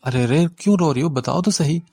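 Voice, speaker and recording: A man's voice: on the high side, expressive, a little mellow, voice pushed up. A man reading an audiobook voices a young male street thug who wheedles and then whispers in fright. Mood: wheedling, nervous. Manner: wheedling, nervous whispers to his friend.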